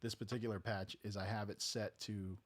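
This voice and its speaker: A man with a fairly low pitch talks a little fast as he casually explains a talk box technique in his home music studio. He goes step by step, easygoing throughout, regularly checking in with "right?"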